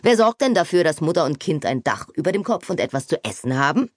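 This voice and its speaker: A woman's voice: low-pitched, very animated, fast, no echo, studio quality. A woman voicing an earnest, worried young husband in an audiobook. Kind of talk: audiobook character voice.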